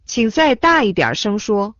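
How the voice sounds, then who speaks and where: A woman reading phrase translations aloud in a language lesson, in a measured, clearly enunciated way. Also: mid-range voice, sing-song, a bit bright, no room sound. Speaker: phrase reader. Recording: dull lo-fi dry sound.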